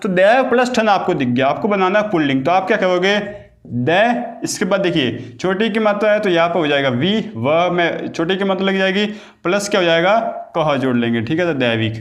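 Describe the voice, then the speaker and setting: A man's voice: high voice, lively intonation, a little fast. A man teaching a grammar class for exam prep in a chatty way, often checking that students follow. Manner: chatty, keeps asking "got it?". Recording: echoey room.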